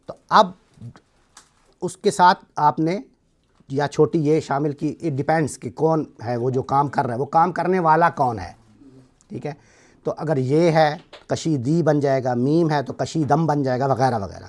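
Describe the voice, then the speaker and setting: A middle-aged man with a Pakistani accent and a fairly high, darkish voice gives a classroom lecture. He explains things step by step and checks that his students are keeping up.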